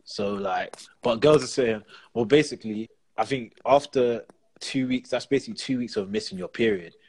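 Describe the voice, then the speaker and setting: A man's voice: medium pitch, moderate pace, a little mellow, low-quality recording. A young man with a London accent co-hosting a casual chat, talking in roadman slang. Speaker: podcast co-host. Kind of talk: casual banter.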